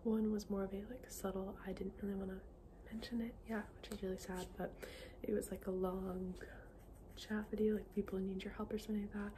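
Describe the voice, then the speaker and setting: A woman whispering softly in an ASMR style as she chats about books, informal and halting, often trailing off. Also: mid-range voice, level tone. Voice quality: soft unvoiced whisper. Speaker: ASMR book video creator. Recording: clearly noisy, with clicking sounds.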